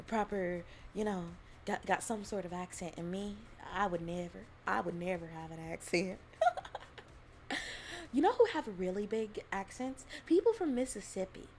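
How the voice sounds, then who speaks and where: This Alabama streamer, a young adult woman from the US South, talks casually on a livestream with frequent giggles and rambling between ideas. She sounds animated at normal speed, medium-pitched with a darkish tone, over slight background noise.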